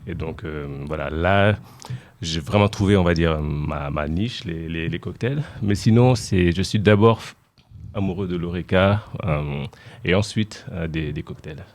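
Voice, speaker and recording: A man raised in France, a bar owner talking as a podcast guest in a casual, halting way with many repeated words. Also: low-pitched, a little mellow, dry recording.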